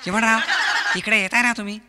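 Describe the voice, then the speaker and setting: A man with a Marathi accent playing the straight partner in a comedy sketch, giving teasing deadpan replies. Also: high-pitched, fast, long reverb tail.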